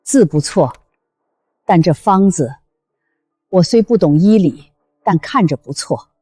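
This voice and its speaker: A woman's voice: lowish voice, lively intonation, a little slow, mellow, slightly rough, no room sound, soft background music. An actress playing an imperious elderly woman who heads a wealthy family, giving clipped commands in a short drama. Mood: appraising. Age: older.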